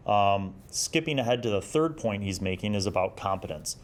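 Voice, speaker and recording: A man in his forties hosts a tabletop roleplaying review show, commenting on magazine articles, reading excerpts, and adding advice. His voice sits on the low side, animated and at a moderate pace, with a conversational, explanatory, encouraging manner.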